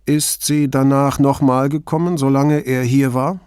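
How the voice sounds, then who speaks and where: A man's voice: medium pitch, steady tone, unhurried, a little mellow, smooth, no room sound, studio quality, pitched above the performer's own voice, natural voice. A man voicing a polite, curious male police commissioner in an audiobook, asking probing questions.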